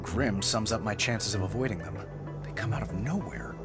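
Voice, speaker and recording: A man's voice: on the low side, expressive, normal speed, loud music behind the voice, lightly acted. An actor playing Tony Stark in a video game, a witty, confident male genius inventor who quips with dry sarcasm.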